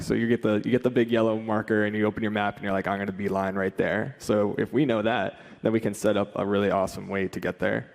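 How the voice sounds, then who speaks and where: A man with a low, gravelly voice that barely moves in pitch speaks calmly on a panel. His answers are plain and steady. The sound carries into a hall with a long reverb. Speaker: level designer on a convention panel.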